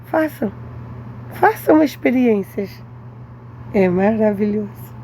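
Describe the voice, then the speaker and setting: A Brazilian woman giving a devotional testimony to viewers, telling a lively story and acting out her mother's lines. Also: medium pitch, slow pace, slight background noise. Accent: Brazilian Portuguese.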